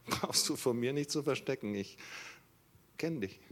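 A preacher voicing a tender, hushed God. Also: male voice, mid-range voice, animated, measured pace. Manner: soft, hushed, repetitive reassurance. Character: gentle caring God calling a person.

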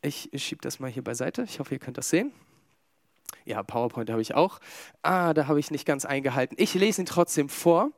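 A man's voice: fairly high pitch, expressive, brisk, no echo, studio quality. A man preaching a sermon to a small congregation, talking in a conversational way with fillers and humorous asides.

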